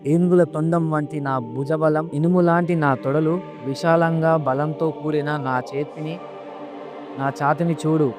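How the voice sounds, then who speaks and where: A man's voice: fairly high pitch, steady tone, unhurried, over music, close to an everyday voice. A man voicing a mighty young warrior prince who speaks proudly and confidently in a storybook reading. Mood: boastful.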